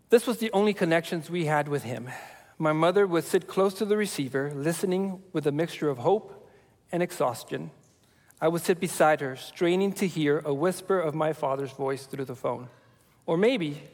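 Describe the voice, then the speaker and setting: A man in his forties from El Salvador, sharing a personal testimony with his church family in a reflective, measured way with frequent fillers. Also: a little high, in a large hall.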